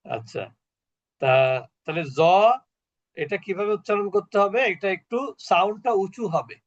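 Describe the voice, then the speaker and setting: A man's voice: high-pitched, expressive, measured pace, long pauses, dull audio. A man teaching a Quran recitation class over a video call, explaining patiently and asking the class questions.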